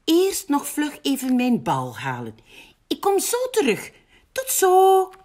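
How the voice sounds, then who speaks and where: A woman's voice: high-pitched, huge pitch swings, slow, darkish tone, voice pushed up, full character voice. A woman voicing a fussy, hesitant young male pig in a storybook reading. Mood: stalling. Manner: whiny, pleading, stalling.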